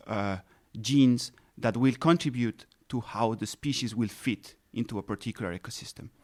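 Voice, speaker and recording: A man in his thirties who grew up in Colombia answers interview questions with patient, careful explanations. His voice sits in a middle pitch, and he often restarts a phrase or pauses on a filler before finding the word. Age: 30s. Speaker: ecologist guest.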